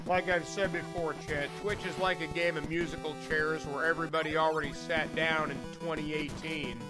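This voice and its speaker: A man's voice: on the high side, flat delivery, normal speed, poor audio. A middle-aged man doing casual live gaming commentary into a stand microphone, joking and self-deprecating. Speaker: game streamer. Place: indoor streaming setup. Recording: retro game music behind voice.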